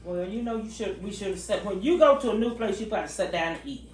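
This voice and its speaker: A woman's voice: medium pitch, lively intonation, fast talker, echoey room, soft background music. An older woman, a grandmother, bantering bluntly with her family, cursing and exasperated.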